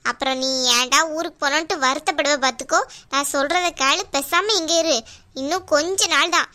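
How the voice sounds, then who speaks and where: A woman voicing a scheming, domineering middle-aged aunt in a cartoon, talking in a bossy, scornful way. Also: sharp tone. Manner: bossy, scornful, low and slow. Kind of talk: cartoon voice acting.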